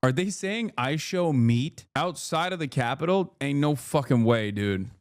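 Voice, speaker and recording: A man's voice: fairly high pitch, lively intonation, measured pace, clean tone, no room sound, studio quality, a faint crowd. Rambling, joking male streamer. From Turkey. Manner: rambling, profane, joking asides. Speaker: streamer reacting to clips. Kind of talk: casual reaction commentary.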